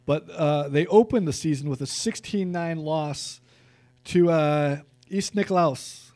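Californian male co-host, casual stat-heavy chat, warm tone, dry mic. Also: on the high side, a little slow, no room sound. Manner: reads stats, relaxed and conversational. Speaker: sports podcast co-host.

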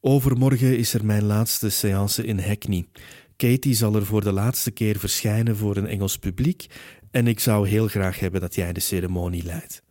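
A gentle, resigned young woman medium speaks softly through her sorrow, as a male narrator reads her lines. The voice sits low and warm, with a dry, close sound. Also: fairly even intonation, normal speed, no room sound, close to an everyday voice.

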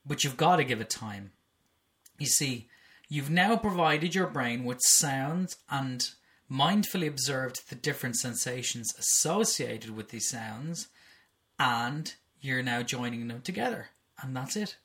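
A singing teacher calmly explaining vocal technique on a podcast, in a patient, explaining way. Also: mid-range voice, unhurried.

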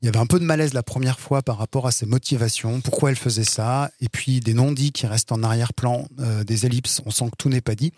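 A man's voice: medium pitch, steady tone, fast talker, hardly any pauses, darkish tone, no room sound, clean studio sound. A man hosting a comics podcast, talking earnestly and measuredly about a book. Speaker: podcast host. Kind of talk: casual chat.

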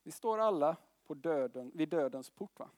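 A young man with a high voice preaches a sermon and talks to the congregation like a friend, throwing in slang and quick tag questions. His voice sits close and dry on the mic. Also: lively intonation, darkish tone, no echo.

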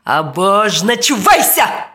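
A woman's voice: a little high, lively intonation, measured pace, pushed and bright. A woman voicing a loyal, brave male dog in a children's storybook, speaking firmly and urgently. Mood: stern. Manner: barking, urgent and firm.

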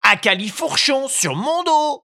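A woman voicing a big, kindly, talkative pigeon in a storybook reading, with high, chatty calls. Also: animated, unhurried, sharp tone, exaggerated voice. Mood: friendly.

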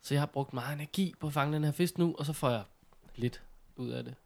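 A man in casual conversation, telling things in an informal, animated way with mild slang. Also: fairly high pitch, vocal fry. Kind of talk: casual chat.

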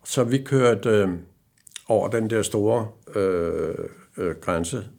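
Gravelly older man telling stories. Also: fairly low pitch, a little mellow. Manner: anecdotal, halting with many fillers, acts out quoted dialogue. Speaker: former racing driver. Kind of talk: casual storytelling.

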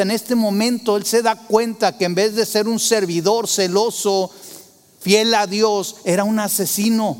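A man preaching a sermon, asking the congregation rhetorical questions and moving between loud emphasis and hushed tones. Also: high-pitched, long reverb tail.

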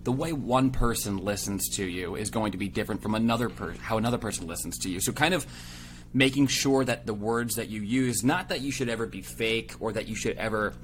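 A man's voice: fairly low pitch, a little fast, fairly bright tone, a little hiss or hum. A man co-hosting a casual podcast, talking earnestly and rambling, often restarting his phrases. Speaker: podcast co-host.

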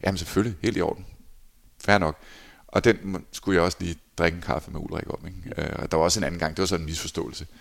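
Very deep, gravelly-voiced man telling stories. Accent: Danish. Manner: animated anecdotes, acts out shouted quotes. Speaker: former handball goalkeeper, guest. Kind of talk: casual interview storytelling.

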